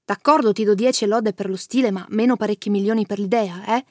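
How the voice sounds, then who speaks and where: A woman voicing a brash male spaceship captain who talks rapidly in a storybook reading. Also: mid-range voice, no echo, clean studio sound, lightly acted. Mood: exasperated.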